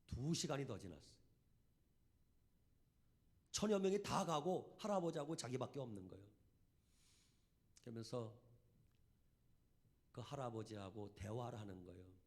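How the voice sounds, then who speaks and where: A man pastor preaching a revival sermon in a church, telling a story dramatically and swinging from hushed to shouted. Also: a little high.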